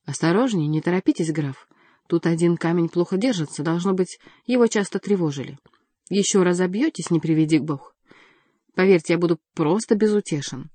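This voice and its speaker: A woman reading an audiobook voices a calm, ironic young male courtier who teases his opponent. Dry, close recording. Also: fairly low pitch, a little fast, no echo, close to an everyday voice. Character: mocking, cool-headed young male courtier.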